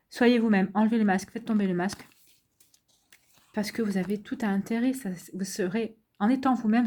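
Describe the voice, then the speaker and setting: A woman's voice: medium pitch, a little mellow. A woman giving a casual, chatty card reading to her viewers, full of fillers and restarts and a reassuring tone. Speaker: tarot card reader.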